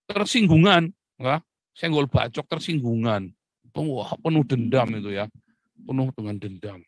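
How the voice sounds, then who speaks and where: A man's voice: medium pitch, unhurried, dry recording. Man preaching in a dry voice. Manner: lively preaching with rhetorical questions and chuckles. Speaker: pastor. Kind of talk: casual sermon.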